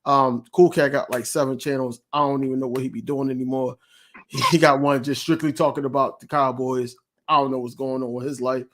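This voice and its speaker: A man's voice: mid-range voice, level tone, brisk, a bit bright. Casual man rambling about football. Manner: loose, repetitive, frequent fillers and restarts. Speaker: podcast panelist. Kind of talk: casual sports chat.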